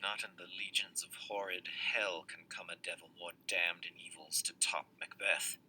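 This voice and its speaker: A grieving, proud nobleman pours out classical verse, voiced by a man. The voice is lowish yet strikingly bright and cutting, with a faint hiss behind it. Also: fairly even intonation, normal speed, poor audio. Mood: anguished. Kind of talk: classical stage verse reading.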